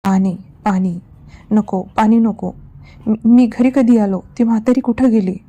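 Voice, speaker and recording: A woman's voice: medium pitch, completely flat delivery, slow pace, creaky, mellow. Woman doing a panicked stammering man. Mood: terrified. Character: terrified young man waking from a nightmare.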